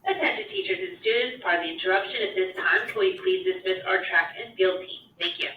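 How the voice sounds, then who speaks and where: A woman making a brisk, formal school announcement over the intercom loudspeaker. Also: fairly low pitch, a little hiss or hum. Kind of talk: public address announcement. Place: classroom, heard over the loudspeaker. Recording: tinny echoey intercom from far off.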